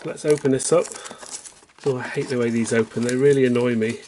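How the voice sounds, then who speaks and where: British man, toy set reviewer, casual and chatty, unhurried, self-deprecating, mid-pitched voice. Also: steady tone, mellow, slight background noise. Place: home, at a tabletop.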